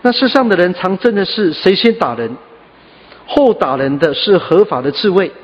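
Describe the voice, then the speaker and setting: A man's voice: high voice, animated, moderate pace, long reverb tail, muffled recording. A man preaching a sermon, dropping "ah" and "ha" fillers. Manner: scattered with "ah" and "ha" fillers, earnest. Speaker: pastor.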